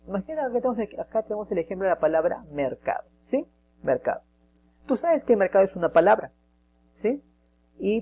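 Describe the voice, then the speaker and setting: Mellow-voiced man explaining a lesson. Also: high voice, creaky, a little hiss or hum. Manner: explains step by step, keeps checking in with the listener. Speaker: teacher. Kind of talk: casual spoken lesson.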